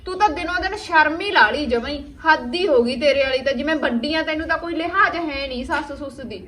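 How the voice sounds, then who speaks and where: Actress as a sharp, sarcastic young daughter, high, fast and bright. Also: female voice. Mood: bickering. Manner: sarcastic, bickering. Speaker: actor in a family skit. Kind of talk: scripted domestic skit acting.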